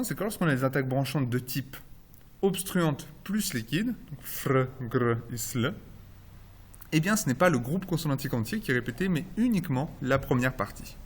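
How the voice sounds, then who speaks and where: Man, lecturer, mid-pitched voice, methodical explaining, hesitant fillers, slows on examples. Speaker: phonology lecturer. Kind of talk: recorded university lecture.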